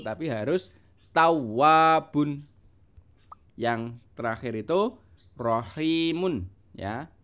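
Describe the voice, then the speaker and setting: A man teaching children to recite a religious text, spelling out each word, stressing its sounds and repeating it. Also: mid-range voice. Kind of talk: slow recitation lesson for children.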